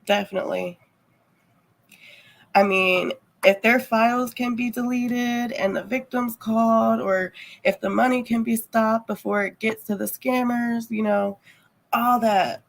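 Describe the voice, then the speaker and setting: A woman's voice: fairly high pitch, vocal fry, rough recording. A woman livestreamer chatting casually with viewers, rambling and heavy on fillers. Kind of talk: casual chat.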